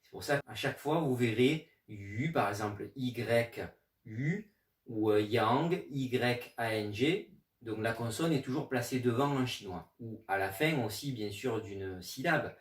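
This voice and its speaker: Man teaching in an echoey room. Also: medium pitch. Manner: patient, spells out letters slowly. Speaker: Chinese language teacher. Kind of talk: explanatory video lesson. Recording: echoey room, mic at a distance.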